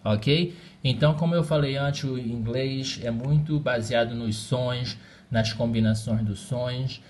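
A man's voice: mid-range voice, fairly even intonation, a little slow, a little mellow, slight background noise. A man teaching English in a recorded lesson, speaking patiently and checking in often with his students. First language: Portuguese.

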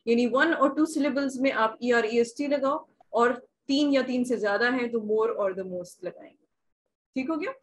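A woman teaching grammar in an online class, patiently repeating examples and asking if things are clear. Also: fairly high pitch, a little hiss or hum, poor audio. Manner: patient, repeats examples slowly, asks checking questions. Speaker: English teacher. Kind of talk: online class, bilingual explanation.

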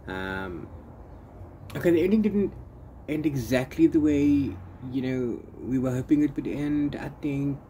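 Speaking a little slowly, this man has a warm, expressive, medium-pitched voice. His book review vlog is casual chat that rambles and keeps trailing off into the same filler phrases. The setting is an outdoor corrugated-iron shelter with open sides, and the audio carries clear background noise and an open-air feel.

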